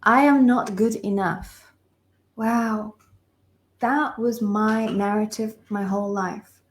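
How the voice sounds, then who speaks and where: With a medium pitch, fairly even intonation and a slow pace, the young woman from Lithuania hosts a live online relationship masterclass. Her delivery is still emphatic and impassioned, full of repeated phrases, and she addresses listeners warmly as her sisters and loves.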